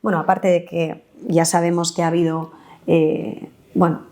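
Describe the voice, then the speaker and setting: Lowish-voiced woman dentist explaining. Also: flat delivery, normal speed, gravelly, a little mellow. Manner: explanatory, many fillers and tag questions. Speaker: holistic dentist, guest. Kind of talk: conversational interview explanation.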